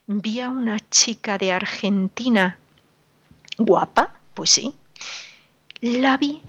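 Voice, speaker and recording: A woman's voice: mid-range voice, dry recording. A woman giving a radio sermon to listeners, emphatic and admonishing, repeating words and asking rhetorical questions in a sorrowful tone. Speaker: religious radio speaker.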